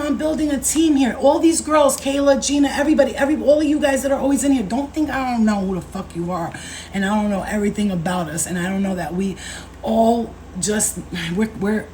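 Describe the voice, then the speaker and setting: A woman in her thirties hosting a casual livestream as a spiritual coach, talking in an animated, slangy way, swearing freely and calling viewers babe and baby. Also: mid-range voice, a little hiss or hum, rough recording. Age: 30s.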